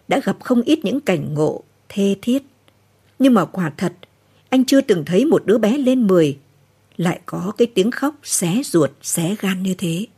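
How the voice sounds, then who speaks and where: Woman, late-night story reading, somber, husky voice, mellow tone. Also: on the low side. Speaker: narrator.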